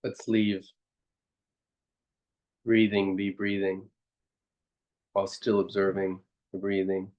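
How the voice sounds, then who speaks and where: Leading a guided meditation, this male teacher has a low-sitting voice and a flat delivery, recorded with lo-fi sound. His phrases are short and unhurried, reflective in tone, with gentle questions woven in.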